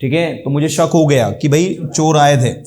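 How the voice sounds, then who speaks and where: A fairly high-voiced Indian male teacher runs a classroom grammar lesson. He fires short questions at his students and repeats the answers. His English example sentences come out slow and deliberate. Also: a little mellow. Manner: quizzing students with quick questions.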